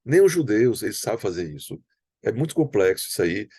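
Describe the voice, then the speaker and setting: A man teaching a language lesson from slides, explaining step by step and slowly repeating example words. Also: on the low side, sing-song, warm tone, slightly rough, no room sound.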